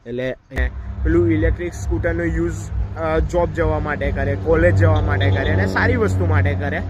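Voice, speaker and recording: Brief: male vlogger, a little high-pitched, chatty and direct, recorded outdoors in a park with faint traffic behind. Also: dull audio. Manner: chatty, addresses viewers directly. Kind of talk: casual storytelling vlog.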